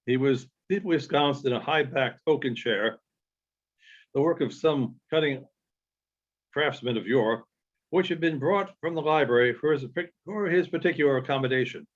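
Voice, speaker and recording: As an audiobook reader, a man narrates literary text in a measured storytelling manner with halting phrasing. His voice is mid-range, and the sound is lo-fi.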